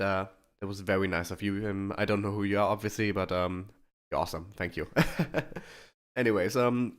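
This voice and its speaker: A man with a cold hosting a casual YouTube market commentary, speaking in a blunt, opinionated way. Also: lowish voice. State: sick with a cold. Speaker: YouTube host.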